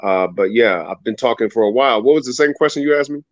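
On a video call from a home room with a ceiling fan, a guest speaker gives a storytelling interview answer. His medium-pitched voice moves quickly as he dramatically acts out quoted voices, and the webcam audio is dull and dry with no echo.

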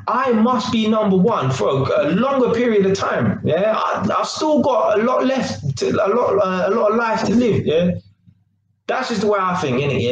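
In a cramped kitchen with echo and faint noise, a man in his twenties delivers a slangy, animated monologue to a webcam at arm's length, gesturing and checking in with "yeah?" again and again. His high voice comes through lo-fi.

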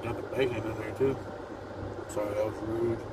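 A man's voice: lowish voice, steady tone, normal speed, heavy background noise. Man talking through a mouthful of burger. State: chewing while talking. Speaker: food reviewer. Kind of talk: casual food review vlog. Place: inside a parked car.

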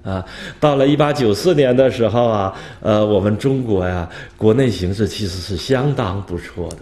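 A man's voice: on the low side, moderate pace, dark tone. A male history professor gives a storytelling lecture, posing rhetorical questions and chuckling at his anecdotes. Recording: roomy lecture hall echo.

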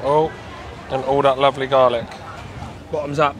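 A man with a mid-range voice and level tone speaks at a moderate pace in a casual street food vlog, holding a camera at arm's length at an outdoor night market. Chatty and enthusiastic, he addresses viewers as "guys," with a faint crowd and market noise in the background.

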